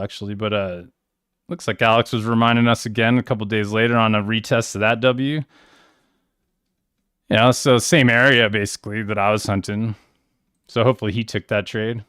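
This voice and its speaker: A man's voice: fairly low pitch, fairly bright tone, clean tone, no room sound, clean studio sound. Laid-back rambling male trading streamer. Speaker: crypto trading livestream host. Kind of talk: casual screen-share walkthrough.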